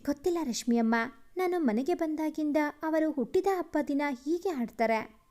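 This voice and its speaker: A woman's voice: sits high, animated, moderate pace. A woman reading the part of a caring, respectful housemaid. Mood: gentle concerned. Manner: gentle, respectful.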